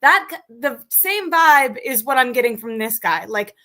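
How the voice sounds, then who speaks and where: A chatty woman hosting a live-streamed sports talk show, her voice bright and forward, pitched a little high. She talks loosely, with plenty of ums and likes as she reads off stats. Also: lively intonation, a little slow. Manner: chatty, many fillers, reads stats aloud. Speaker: sports podcast host.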